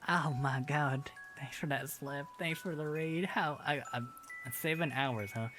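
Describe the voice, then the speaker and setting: A young variety streamer chats casually on a livestream while drilling Japanese words, playfully putting on a Southern drawl. His voice is on the high side and a little slow, picked up by a streaming microphone with music in the background.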